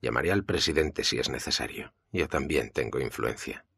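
A man's voice: a bass voice, animated, normal speed, creaky, a bit bright, husky, heavily acted. A man with a Spanish accent reading a defiant woman doctor in an audiobook, firm and insistent. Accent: Spain.

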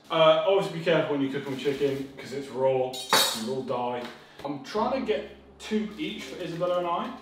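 A young guy films himself cooking a dinner-party meal at home, chatting casually, cursing and teasing himself through a chaotic commentary. His voice sits in the mid range and is picked up from a distance. Slight noise, faint music and kitchen echo surround it.

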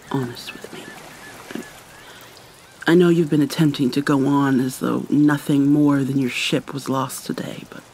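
Her voice is low and slightly mellow, with a little hiss or hum, and a note of reluctant concern comes through. She plays an ASMR vampire mermaid who is haughty and irritable but secretly caring, speaking sardonically and formally between exasperated sighs.

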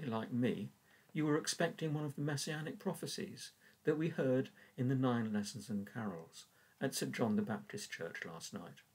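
An older English man reads scripture and leads prayers at a measured, earnest pace. His voice is slightly husky. He speaks into a webcam in a small room. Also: mid-range voice, darkish tone, poor audio. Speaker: church warden leading prayers. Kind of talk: reading and devotional reflection. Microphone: webcam at desk.

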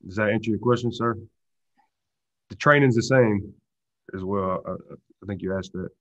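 A young man answering press questions in a relaxed way, full of "you know" fillers. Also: lowish voice, normal speed, dry recording. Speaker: football player answering press. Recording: dull lo-fi video call audio.

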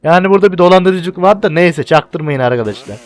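A young man casually commentating a video game, excitable and bantering, often shouting at what happens on screen. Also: high voice, a little fast. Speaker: gameplay video host.

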